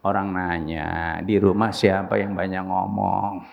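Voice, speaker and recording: A man preaching a sermon as pastor, in a joking, punchy way with sudden loud rises, with in his speech. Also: deep voice, level tone, measured pace, gravelly, phone-quality sound, slight background noise. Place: church hall with congregation.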